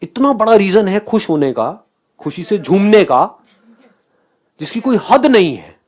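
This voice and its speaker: A man's voice: high voice, sing-song, measured pace, a little mellow. A man giving a motivational talk, asking the audience questions and mixing English phrases into his speech. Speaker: motivational speaker.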